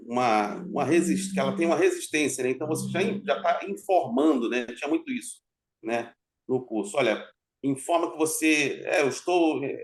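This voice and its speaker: A man in a mentoring session, speaking haltingly with many restarts and fillers. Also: a little high. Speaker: mentoring participant. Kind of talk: casual chat.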